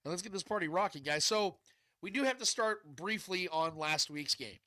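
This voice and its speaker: A man's voice: sits high, expressive, normal speed, pushed and bright, dry recording. A man hosting a casual sports talk show in chummy, blunt slang, with a congested, nasal voice as if his nose were packed. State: stuffed up, can't breathe through nose.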